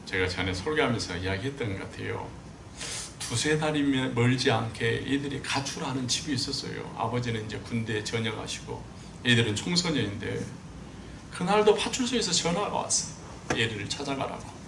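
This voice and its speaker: Korean man preaching with lively pitch. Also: fairly quick, vocal fry, noisy background. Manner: animated storytelling, jumps high when quoting people. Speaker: pastor. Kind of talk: sermon. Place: church sanctuary. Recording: echoey church room, mic at a distance.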